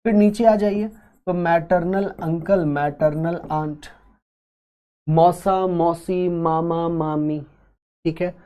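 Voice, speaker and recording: Mellow-voiced man teaching slowly. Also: a little high, steady tone. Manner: slow, deliberate explaining with joking asides to students. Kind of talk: online exam-prep class lecture.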